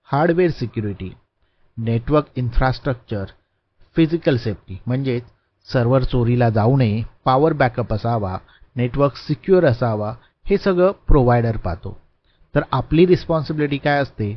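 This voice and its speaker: Guy reading a tech explainer, clear and steady, kinda dull lo-fi sound. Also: medium pitch. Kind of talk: scripted explainer narration.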